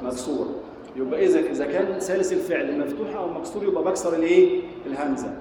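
A man's voice: a little high, rapid-fire, mellow. A man with an Egyptian accent teaching a class, asking questions and answering them himself. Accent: Egyptian Arabic. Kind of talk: classroom lesson on Quranic sciences. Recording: echoey hall, mic far off, faint noise.

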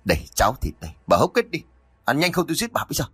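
A man's voice: on the high side, huge pitch swings, racing, fairly bright tone, breathy edge, dry recording, voice pushed up, exaggerated voice. A man doing a roaring, brutal son. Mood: furious. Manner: roaring, bellowing rage. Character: brutal, violent grown son.

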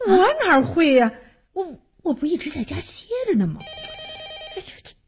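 Shy neighbor, high swooping hesitant voice, radio comedy. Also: female voice, sing-song, moderate pace, slight background noise. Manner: hesitant, stammering. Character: timid older neighbor woman, homebody.

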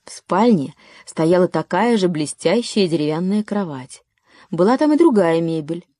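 A woman narrating a children's story in a calm, even way. Her voice sits low and mellow, recorded close and dry with no room around it. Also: moderate pace, no room sound. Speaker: audiobook narrator. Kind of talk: scripted narration.

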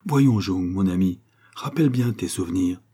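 A man reading an audiobook, voicing a grave, solemn doctor, in a low husky voice. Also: lively intonation, normal speed, warm tone. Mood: stern. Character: grave learned male doctor, solemn and stern.

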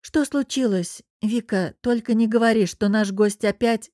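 A woman's voice: fairly high pitch, moderate pace, no room sound, studio quality, natural voice. A woman reading aloud voices a tired, grumbling young female hotel administrator. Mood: weary. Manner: grumbling, deadpan.

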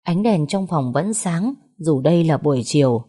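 A woman reading a story aloud in a slow, mournful narration. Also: low-pitched, animated, dark tone, slightly rough. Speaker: audiobook narrator.

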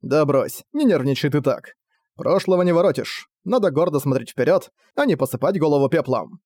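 A man's voice: on the high side, lively intonation, fairly quick, a little mellow, no echo, studio quality. A man voicing a cunning young prince who talks casually and mockingly. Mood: flippant. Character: young male prince, cool, cunning and flippant.

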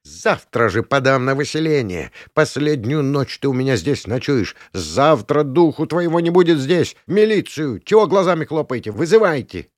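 A shrill, booming middle-aged warden lady, as a male storyteller puts her on, furious and scolding at the top of her voice. Her voice sits far above his own, in a dry, close audiobook recording. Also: very animated, a little slow, few pauses, dry recording. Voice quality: strident, shouting.

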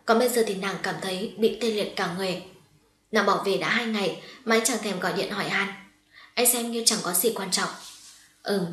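Woman audiobook narrator, mid pitch, steady storytelling; echoey room. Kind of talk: scripted narration of a romance novel.

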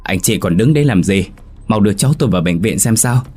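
A deep-voiced man reading an older grandmother, stern and insistent. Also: lively intonation, fast, darkish tone, husky, soft background music. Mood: scolding. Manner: scolding, insistent.

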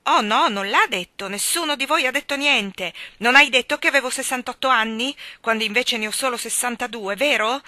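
A woman reading aloud voices an old man in his sixties who shouts his indignation. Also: a little high, dry recording, voice pushed up. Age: 60s. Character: angry old man, bushy brows, bad-tempered.

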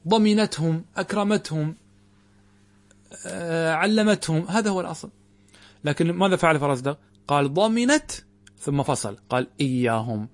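A man teaching a grammar lesson, reciting quoted verses slowly and drawn out, and questioning his students rhetorically. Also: fairly high pitch, lively intonation. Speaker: Islamic scholar teaching grammar.

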